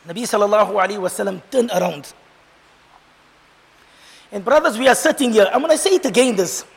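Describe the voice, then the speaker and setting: A man's voice: sits high, a little fast, gravelly, slightly rough. A man preaching an impassioned Friday sermon, repeating the same refrain again and again and mixing in Arabic and Urdu phrases. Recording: long hall reverb.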